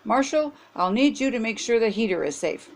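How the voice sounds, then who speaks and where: Eager boy rescue leader, upbeat, storybook voice, older woman reading, slightly gravelly. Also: a little high, lively intonation, brisk. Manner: eager, encouraging.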